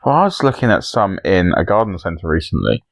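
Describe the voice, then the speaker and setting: A man's voice: low voice, big pitch swings, a little fast, creaky, dry recording. A man co-hosting a podcast in casual chat, reading quiz questions and joking teasingly. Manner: teasing, jokey. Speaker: podcast co-host.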